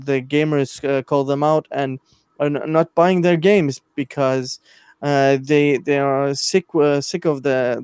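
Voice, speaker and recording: Halting male stream host, smooth dry voice. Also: medium pitch, darkish tone, dry recording. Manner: halting, many fillers and restarts. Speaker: podcast host. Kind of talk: casual online stream chat.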